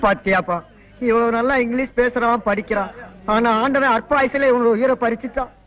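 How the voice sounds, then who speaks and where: A fast-talking comic sidekick. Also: male voice, very high voice, fairly even intonation, dull audio. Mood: gossipy. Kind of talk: 1990s film comedy acting.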